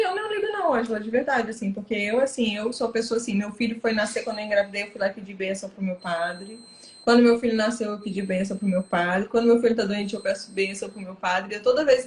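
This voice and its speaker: A woman psychologist with a Brazilian Portuguese accent, talking in an animated, emphatic casual conversation. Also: fairly high pitch, reverberant.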